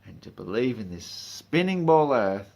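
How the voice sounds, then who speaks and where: A man in a drunken, rambling, sweary rant, speaking informally and haltingly, with emphatic bursts and muttered asides. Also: medium pitch, very animated, gravelly, a little mellow. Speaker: monologue speaker.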